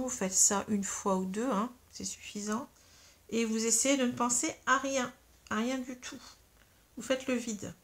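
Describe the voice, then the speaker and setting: Guiding her audience through a tarot reading, this woman speaks softly and calmly in an instructive manner. Her voice is a little high, and she frequently hesitates with fillers and restarts.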